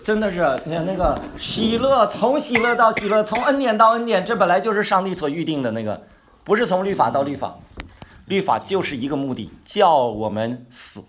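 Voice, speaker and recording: A man teaches scripture in a loose, conversational sermon. His voice sits a little high and swings widely up and down as he stresses his points. He keeps asking the room questions and stretches out the words that matter most. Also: animated, a bit bright, slight background noise. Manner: asks the listeners questions and waits for answers; emphatic, draws out key words slowly. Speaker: pastor or Bible teacher. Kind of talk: conversational Bible-study sermon.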